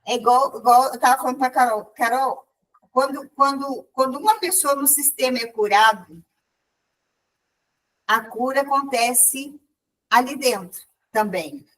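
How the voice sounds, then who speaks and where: A woman with a high voice recounts a spiritual experience in a relaxed, conversational way. She keeps restarting her sentences and acts out other people's words as she goes. She sounds set back from the microphone. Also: measured pace, pauses often, distant mic, low-quality recording. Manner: storytelling with many restarts and quoted dialogue. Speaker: participant in a spiritual group meeting. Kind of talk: casual spiritual testimony.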